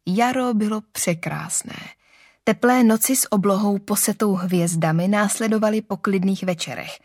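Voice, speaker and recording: A woman narrates a classic novel in a calm, steady voice. Her pitch sits in a middle range, and the recording is dry and close with no room echo. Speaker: audiobook narrator.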